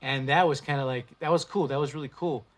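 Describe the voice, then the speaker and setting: A man hosting a casual livestream, talking in a profane, slangy and animated way into a phone. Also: mid-range voice, fast talker, soft background music. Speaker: livestream host.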